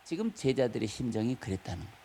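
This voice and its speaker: A man pastor preaching a Sunday sermon, asking the congregation questions and rising high on key words for emphasis. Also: very animated, fast, warm tone. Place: church sanctuary.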